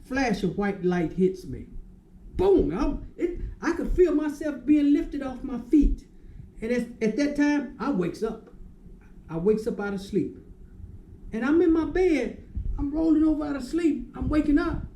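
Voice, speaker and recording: A man's voice: extremely high pitch, lively intonation, unhurried, warm tone. A man in his sixties telling his dream story in an emotional, repetitive, dramatic way, acting out each moment. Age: 60s. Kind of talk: emotional first-person storytelling. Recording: echoey room with faint hum.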